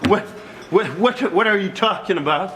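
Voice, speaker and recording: A man's voice: high-pitched, normal speed, very noisy, natural voice. An actor playing Rich, a smug con man with a Québécois accent who sneers at everyone. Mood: mocking. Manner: sneering, scornful.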